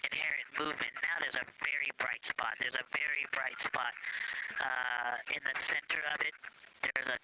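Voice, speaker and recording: A man speaks as an astronaut over a crackly, breaking-up space radio link, his voice thin and distant. A steady hiss of static sits under every word. He talks haltingly, restarting sentences as he searches for the right description, his tone awed. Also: mid-range voice. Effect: crackly space-to-ground radio link. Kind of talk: live report from spacecraft. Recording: noisy distant radio transmission.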